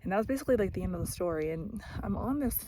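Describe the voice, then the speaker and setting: A woman's voice: mid-range voice, expressive, racing. Chatty woman vlogging on a hiking trail. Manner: chatty storytelling, many fillers like "like" and "you know". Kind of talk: casual faith vlog told while hiking. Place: outdoors on a mountain biking trail. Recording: noisy outdoor recording with clicks.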